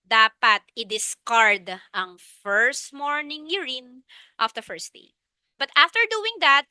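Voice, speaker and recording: A woman's voice: sits high, pushed and bright, smooth, no echo. A woman with a Filipino accent giving a review lecture, asking questions and answering them herself and repeating the key points. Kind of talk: review lecture mixing Tagalog and English.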